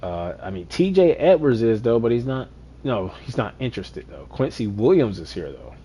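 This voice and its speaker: A man's voice: medium pitch, very animated, moderate pace, mellow, husky. A man streaming a football video game, chatting casually to himself and sometimes ranting in exasperation. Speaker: gaming streamer. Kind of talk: casual gameplay commentary.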